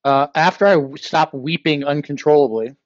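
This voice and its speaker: Higher-voiced male gamer, dry muffled sound. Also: normal speed, no room sound. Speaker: tabletop game player. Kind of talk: casual game-table chat.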